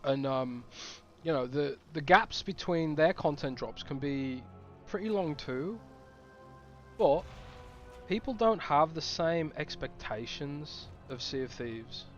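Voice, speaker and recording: A man's voice: medium pitch, dull audio. A man streaming a game, chatting casually and thinking aloud with restarts. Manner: rambling, thinking aloud with fillers.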